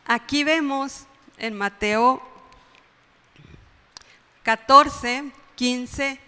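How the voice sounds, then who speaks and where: A woman delivers a friendly, conversational sermon with a fairly high, bright voice. She keeps checking in with the congregation and laughs at her own retellings. The sound carries the long reverb of a church hall. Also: drawn-out words, clean tone. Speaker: preacher.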